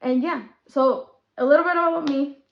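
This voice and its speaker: A woman's voice: high-pitched, fairly even intonation, moderate pace, gravelly. A woman, hosting a podcast in casual chat that switches between English and Spanish. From Mexico. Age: 20s. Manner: chatty, code-switching, with small laughs. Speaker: podcast host. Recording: echoey room, dull lo-fi sound.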